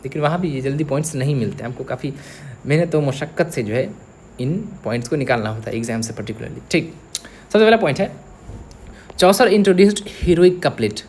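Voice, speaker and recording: A man's voice: a little high, expressive, fairly quick, a little mellow, slight background noise. A young man, teaching an exam-prep literature lecture and checking in often with his students. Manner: explains step by step, checks in with "theek hai".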